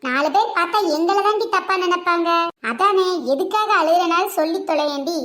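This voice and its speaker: A woman's voice: very high-pitched, fairly quick, a bit bright. A woman voicing a teasing young friend in a village comedy skit, asking bossy questions.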